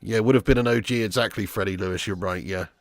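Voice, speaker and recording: A British man doing live football watch-along commentary and chatting casually with viewers in an animated, blokey, sweary, matey way. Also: lowish voice, fast, no room sound. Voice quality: raspy, smoker's laugh.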